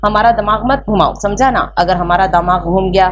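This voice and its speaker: A woman reading the part of a quick-tempered young Pathan woman who talks brashly and trips over her grammar, in a storybook reading. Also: medium pitch, lightly acted. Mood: fiery. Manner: brash, threatening, mixes up grammar. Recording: slightly muffled with faint hiss.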